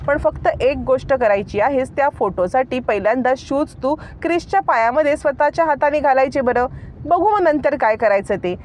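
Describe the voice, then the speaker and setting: A woman voicing a sharp-tongued young wife. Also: sits high, animated, moderate pace, a little hiss or hum. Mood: taunting. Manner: taunting, scolding. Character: sharp-tongued young wife taunting her sister-in-law.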